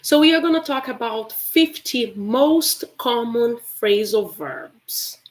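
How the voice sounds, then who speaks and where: A woman's voice: on the high side, expressive, slow. A woman from Brazil whose first language is Portuguese, teaching English in a chatty live stream with many fillers and restarts. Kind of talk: casual livestream lesson.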